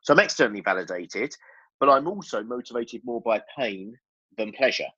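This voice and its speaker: A business owner from Essex, England, appears as a podcast guest, giving candid, explanatory answers in a conversational interview. His medium-pitched voice is expressive, brisk and sharp-toned, though the audio is dull. He speaks with an Essex accent.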